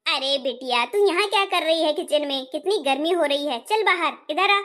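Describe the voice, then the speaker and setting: A woman's voice: high-pitched, expressive, normal speed, pushed and bright. A woman playing a bossy mother-in-law. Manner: scolding, commanding. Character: bossy middle-aged mother-in-law, doting on daughter. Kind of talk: family skit acting.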